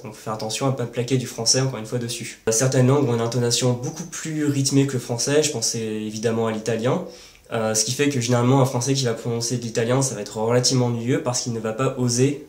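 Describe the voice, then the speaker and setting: A man with a mid-range, darkish voice hosts a language-learning lesson in a reverberant space. He explains things step by step with worked examples, often pausing on hesitation fillers.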